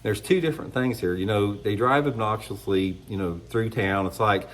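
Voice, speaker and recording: Congested from a cold, a middle-aged American man who hosts a fishing channel delivers a casual opinion rant to camera. His voice is lowish at a moderate pace, and he speaks bluntly and ramblingly, frequently starting over.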